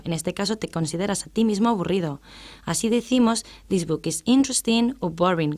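A woman's voice: fairly low pitch, darkish tone. A woman gives a methodical radio lesson. She explains grammar patiently and spells out each example word with care. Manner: patient, methodical, reads out English examples slowly. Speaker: English teacher on radio.

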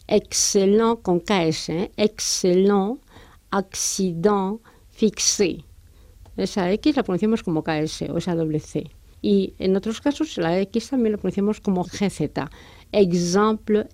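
A woman French teacher explaining pronunciation and grammar in Spanish, patiently repeating example words slowly. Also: mid-range voice, warm tone, no room sound.

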